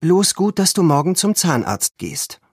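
A gentle, sleepy girl, voiced by a man reading a story speaks well above his usual pitch. Her voice is soft and husky, close to the mic in a dry space. She is kindly and slow with her words. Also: big pitch swings, dry recording, heavily acted. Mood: sympathetic. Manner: drowsy, kindly and reassuring.

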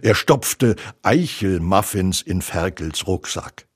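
Man, children's story narrator, slow delivery, husky. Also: sits low, animated.

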